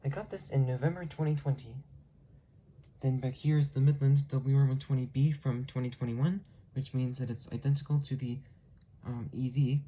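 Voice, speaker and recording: In a husky, dark mid-range voice at normal speed, a hobbyist keeps a steady tone through an unscripted show-and-tell. They record from behind a handheld camera in a room at home, rambling and fixing slips along the way.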